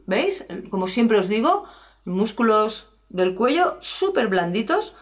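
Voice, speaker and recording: Female vocal coach, animated higher voice, chatty and demonstrative. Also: slow. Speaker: singing teacher. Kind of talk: casual singing lesson.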